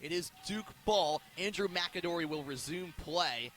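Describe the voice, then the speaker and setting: His voice sits on the high side, unhurried and fairly bright, as he handles live radio play-by-play from an outdoor ballpark or sports field. He narrates the action closely and heightens his intensity for big plays, over faint background noise.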